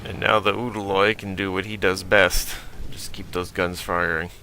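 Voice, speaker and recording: Gravelly-voiced man commenting on gameplay. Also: sits low, normal speed, a little hiss or hum. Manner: relaxed, thinking aloud with fillers. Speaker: gaming video host.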